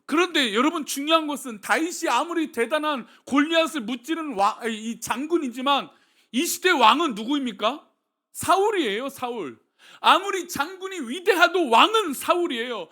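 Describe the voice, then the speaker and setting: A male senior pastor preaching a sermon, asking the congregation rhetorical questions and swinging between soft and loud delivery. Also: extremely high pitch, animated, normal speed.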